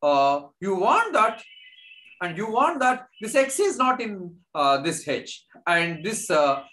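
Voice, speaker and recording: Indian man lecturing haltingly, lively swooping pitch. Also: poor audio. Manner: halting, repeats phrases slowly as if dictating. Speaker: mathematics lecturer. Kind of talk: unscripted math lecture.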